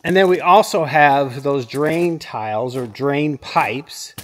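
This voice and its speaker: Speaking slowly in a medium-pitched, fairly bright voice, a man in his fifties hosts a vlog showing his home build. He gives plain-spoken, casual instructions outdoors at a concrete foundation site, filming handheld at arm's length.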